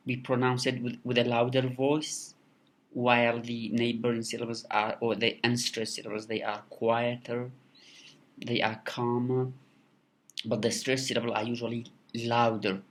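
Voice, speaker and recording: Hesitant man lecturing to students. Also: medium pitch. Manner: hesitant, many fillers and repeated words; stresses key words louder when explaining. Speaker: university lecturer. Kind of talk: online recorded lecture.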